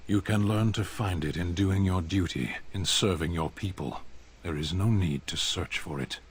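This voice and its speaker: Guy doing a deep stoic game warrior, terse and deadpan, kinda noisy ambience behind. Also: moderate pace, lightly acted. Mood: stern. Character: stoic, blunt warrior man from a foreign land. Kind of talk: video game character dialogue.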